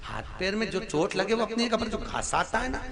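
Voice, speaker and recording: A man from India telling a devotional story as a sermon, animated and emphatic, often laughing as he speaks. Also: high-pitched, a little fast.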